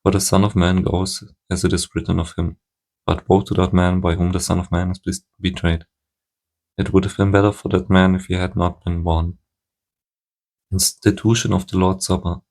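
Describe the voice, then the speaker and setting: A man reading scripture aloud at a steady pace, now and then stumbling and restarting a word. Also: deep voice, moderate pace. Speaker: Bible reader.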